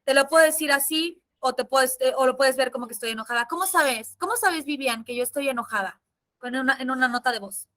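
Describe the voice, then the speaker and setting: Mexican woman teacher, high bright voice, expressive and chatty. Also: fairly quick. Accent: Mexican Spanish. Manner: lively, expressive, chatty with fillers. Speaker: sign language interpreter and teacher. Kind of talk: casual classroom lesson.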